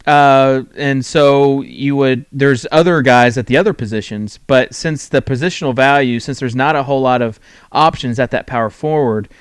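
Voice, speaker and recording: A man's voice: mid-range voice, normal speed, smooth, dry recording. Rambling man hosting a fantasy sports show. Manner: rambling, full of fillers and restarts. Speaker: host. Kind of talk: casual sports talk show.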